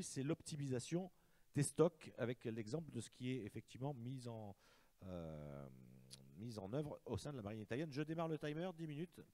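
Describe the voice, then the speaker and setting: A man moderating a conference and introducing a speaker, hesitant and pausing mid-phrase. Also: medium pitch, mellow, no echo.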